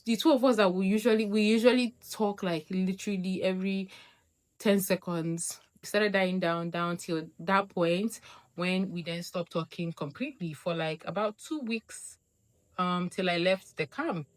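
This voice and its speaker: A young woman vlogger from Nigeria telling a casual storytime monologue, acting out quoted lines with big jumps in her voice. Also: normal speed. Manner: animated, acts out quotes with big pitch jumps.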